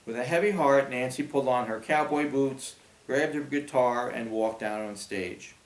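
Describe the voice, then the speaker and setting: A man narrating a children's audiobook in a steady storytelling manner. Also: mid-range voice, normal speed. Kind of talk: scripted narration. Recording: roomy echo.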